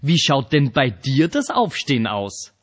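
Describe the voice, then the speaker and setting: A man's voice: medium pitch, big pitch swings, background noise. A man voicing a cheerful, easygoing character in a children's audio play who laughs often and also sings. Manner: good-humoured, laughing, sings slowly. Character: cheerful, easygoing man with a big mixed-breed dog.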